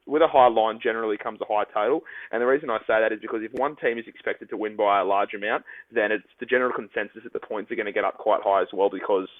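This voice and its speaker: A young man hosting a solo sports-betting podcast, talking rapid-fire like an auctioneer. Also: lowish voice, fairly even intonation, no room sound. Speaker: podcast host, sports tipster. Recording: dry, phone-like lo-fi audio.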